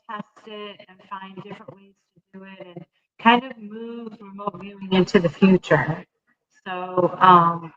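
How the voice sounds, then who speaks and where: A woman's voice: mid-range voice, pushed and bright. Woman on a call, voice cutting in and out. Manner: hesitant, many ums. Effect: voice cutting in and out on a call line. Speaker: guest, hypnotist. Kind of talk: casual interview answers. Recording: dull lo-fi remote call line.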